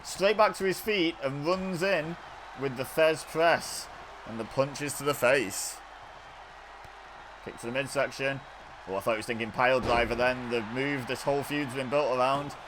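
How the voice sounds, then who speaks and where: A man calling wrestling video game action play-by-play in a chatty, excitable way, often correcting himself. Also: medium pitch, moderate pace, noisy background. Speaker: gaming video host. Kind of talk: play-by-play commentary over video game footage.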